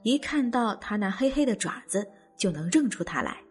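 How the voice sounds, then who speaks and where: A woman voicing a worried mother goat who speaks low and softly. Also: very animated, moderate pace, slightly rough, soft background music. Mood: cautioning. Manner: low, soft, cautioning.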